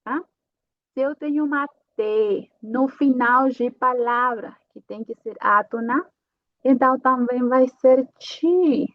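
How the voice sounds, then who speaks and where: A woman teaching pronunciation at a very unhurried pace, her voice sitting fairly high. She spells out sounds one by one and checks in after every point. The sound is muffled and dull, with no room echo. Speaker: language teacher. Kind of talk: slow explanatory lesson.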